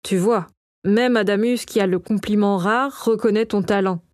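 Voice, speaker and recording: A woman reading the part of a kind male king who calmly reassures his young son. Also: mid-range voice, normal speed, no room sound, studio quality, lightly acted. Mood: gentle. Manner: calm, warm and reassuring. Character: kind, gentle male king and father, a magician.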